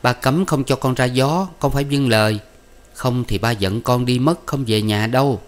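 A man voicing a gentle young wife in her twenties, speaking tenderly and in anguish in a story reading. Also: medium pitch, normal speed, pitched above the performer's own voice, natural voice. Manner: tender, then anguished pleading.

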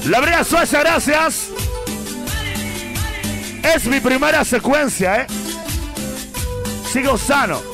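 A man working as a party MC and DJ, brashly taunting and hyping a live dance crowd with shouted calls. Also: extremely high pitch, animated, slow, long pauses. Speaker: party MC and DJ host. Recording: live PA over loud music. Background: loud party music.

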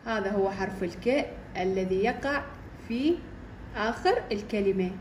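A woman's voice: medium pitch, darkish tone, slight background noise. A woman with an Iraqi accent teaching a first-grade reading lesson, repeating and stretching out syllables for young children. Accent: Iraqi Arabic. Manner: slow, drawn-out repetition of syllables for drilling. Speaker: primary school teacher.

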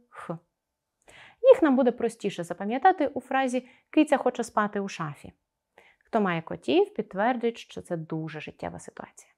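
Lively, expressive woman teacher. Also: on the high side. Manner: careful, articulated pronunciation of sounds; expressive, explaining to pupils. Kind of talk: scripted video lesson.

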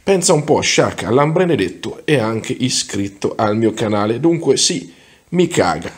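A man's voice: mid-range voice, sing-song, normal speed. A man in his forties giving casual commentary to camera and reading out comments in a sarcastic, mock-scolding manner, recorded indoors in a small room. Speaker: video blogger reacting to viewer comments.

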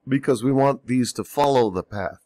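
Still recovering from a cold, a man talks through a software tutorial over a screen recording, taking his time and thinking out loud with plenty of ums and corrections. His voice is medium-pitched and the audio has no room sound.

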